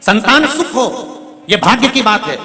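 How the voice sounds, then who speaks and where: A man preaching a devotional sermon, telling stories and repeating key phrases, moving between loud and soft speech. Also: very high voice, animated, normal speed. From central India. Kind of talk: devotional sermon with sung verses. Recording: echoey live venue with music.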